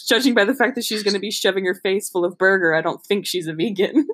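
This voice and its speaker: With a mid-range, fairly bright voice and a fast pace, this woman hosts a podcast where she reads a novel aloud. Her delivery is casual and amateur, and she keeps breaking off to giggle, joke, and comment.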